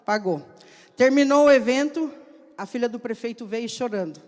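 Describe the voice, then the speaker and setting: A woman preacher with a somewhat high voice gives a slow, emphatic sermon in storytelling style, acting out the conversations from her testimony. A long reverb surrounds her voice, as though recorded in a large church hall.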